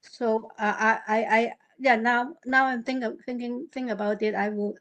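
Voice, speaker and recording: A woman on a planning committee giving halting remarks, often repeating words. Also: on the high side, fairly even intonation, fairly bright tone, poor audio. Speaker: committee member. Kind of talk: formal hearing remarks.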